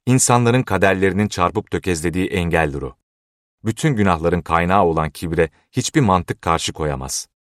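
A grave old hermit, as a male narrator plays him, speaking with solemn, stern authority. The voice sits very low and heavy. The sound is close and dry. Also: lively intonation, moderate pace, no echo.

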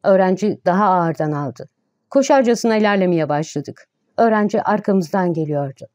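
Mellow woman narrating a story. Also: fairly low pitch, dry recording. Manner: steady, measured storytelling. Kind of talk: audiobook narration.

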